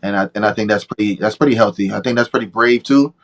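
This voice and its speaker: A man's voice: on the low side, fast talker, a bit bright. Laid-back slangy male host. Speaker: podcast host. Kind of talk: casual podcast chat.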